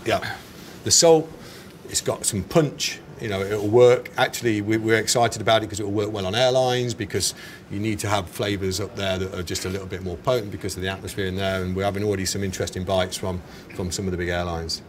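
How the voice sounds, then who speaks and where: This interview with a snack company founder takes place indoors at a bar, background ambience clearly audible. The man, in his forties with an English accent, has a lowish voice with fairly even intonation and a fairly quick pace, and he talks casually, hesitantly, often self-correcting.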